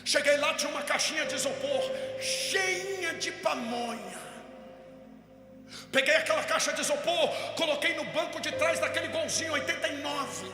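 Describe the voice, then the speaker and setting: High-voiced man preaching in an echoey hall. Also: normal speed. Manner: animated storyteller, rising to shouted preaching. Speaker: pastor. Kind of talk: impassioned sermon storytelling. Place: large hall at a youth event. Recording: echoey hall with music behind.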